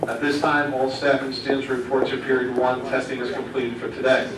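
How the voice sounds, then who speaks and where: A man's voice comes over a school intercom, making announcements in a flat, measured tone. It sounds thin and distant, and it booms with heavy room echo. Noise and room ambience sit underneath the speech. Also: a loud crowd. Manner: even, measured announcing, repeats instructions. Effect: school intercom loudspeaker. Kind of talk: reading out announcements. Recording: echoey intercom speaker heard from far off with background noise.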